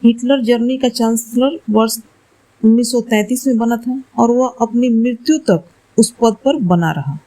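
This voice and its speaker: Slow, mellow-voiced woman teaching exam facts. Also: a little high, rough recording. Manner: slow, deliberate explaining, corrects herself aloud. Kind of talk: reading quiz answers for exam study.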